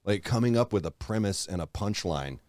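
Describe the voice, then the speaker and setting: Podcast host, male, low and animated, dry booth sound. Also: fairly quick, no room sound. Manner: animated, laughs often, swears casually. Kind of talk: casual chat.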